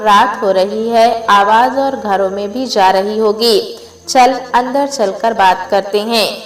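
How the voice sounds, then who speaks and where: A woman's voice: medium pitch, takes it slowly, close to an everyday voice. A woman voicing an older mother who comforts her upset daughter, in a read-aloud family story. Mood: coaxing.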